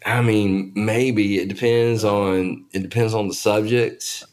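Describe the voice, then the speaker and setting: A man with a thick, deep Southern US accent, talking and preaching off the cuff in a down-home, self-deprecating way. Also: steady tone, slow pace. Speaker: guest preacher and pastor. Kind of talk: casual chat and off-the-cuff preaching.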